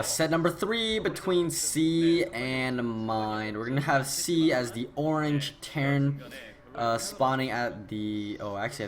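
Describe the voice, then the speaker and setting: A man giving casual, rambling play-by-play commentary on a video game match by himself. He swears freely, bursts into excited yelling, and his voice sounds tired and his throat dry. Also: medium pitch. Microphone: new desktop microphone.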